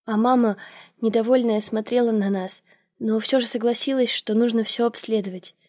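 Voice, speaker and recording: A woman narrating a first-person novel in a lively, expressive way. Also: on the high side, moderate pace, dry recording, clean studio sound. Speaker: audiobook narrator.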